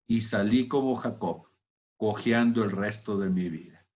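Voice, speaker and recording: A man preaching a personal testimony, swinging between loud exclamations and hushed, almost whispered lines. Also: lowish voice. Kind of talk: testimony sermon.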